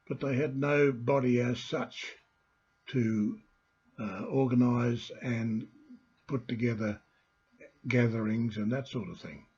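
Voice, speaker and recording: An older man with a husky, slightly rough voice speaks as a storyteller and host. He gives an informal talk to viewers in deliberate, halting phrases. The sound is a little dull and lo-fi. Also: medium pitch, a little mellow. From Australia. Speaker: host, family historian and storyteller.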